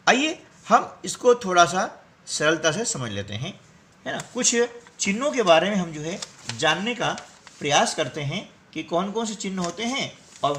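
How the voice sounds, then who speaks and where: Lively, bright-voiced male teacher. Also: sits high. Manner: explains step by step, keeps checking with "है ना" and "ठीक है ना". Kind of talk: workbook lesson explanation.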